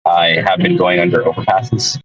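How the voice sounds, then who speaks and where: A podcast co-host with a low, fairly flat voice speaks at a moderate pace on a phone call from his moving car, with music playing behind him. He rambles, corrects himself, and chuckles often, all in dull lo-fi call audio.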